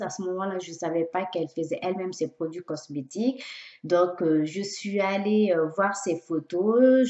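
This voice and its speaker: A woman's voice: fairly low pitch, darkish tone. Hesitant woman vlogger in an echoey room. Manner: hesitant, many pauses and fillers. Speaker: beauty vlogger. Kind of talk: casual product review. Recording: echoey room, dull lo-fi sound.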